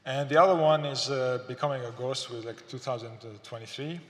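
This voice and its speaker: A man from Syria giving a thoughtful, halting lecture as an artist, with fillers and repeated words. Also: mid-range voice, fairly bright tone. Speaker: artist giving a symposium talk. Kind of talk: public lecture. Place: gallery lecture hall. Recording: echoey hall, long reverb.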